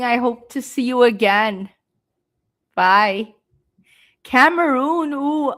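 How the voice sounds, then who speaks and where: A woman from Canada who teaches English, giving a live-stream speaking lesson with slow, patient explanations and frequent ums and uhs. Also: on the high side.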